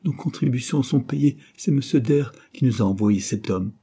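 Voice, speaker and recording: A man's voice: mid-range voice, moderate pace, warm tone, husky, pitched above the performer's own voice. A man reading aloud gives voice to a distressed young mother who pleads anxiously.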